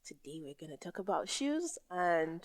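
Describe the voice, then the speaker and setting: A woman's voice: on the low side, sing-song, moderate pace, no room sound, studio quality. Cheerful smiling woman co-host. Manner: cheerful, upbeat, smiling while talking. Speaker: podcast co-host. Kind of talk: casual chat.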